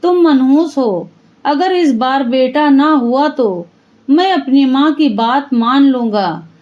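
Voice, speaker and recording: A woman's voice: high voice, slow, lo-fi sound. A woman voicing a cold, threatening husband. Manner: blunt, threatening.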